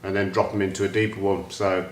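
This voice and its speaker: A man, hosting a casual chat and talking about his plans in an animated, excitable way. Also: low voice, fast talker, roomy sound, a little hiss or hum. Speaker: host.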